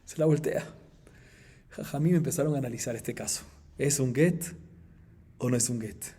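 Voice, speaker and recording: Leading a Talmud class, a rabbi from Colombia explains the text with animated energy, hitting emphatic highs and chanting the Aramaic passages. His voice is slightly rough, at a normal pace.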